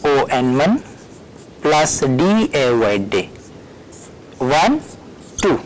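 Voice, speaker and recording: A man's voice: a little high, sing-song, takes it slowly, a little hiss or hum, rough recording. A male teacher giving a recorded board lesson. He spells words out letter by letter and moves between Bengali and English as he explains. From Tripura, India. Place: at a board, erasing and writing.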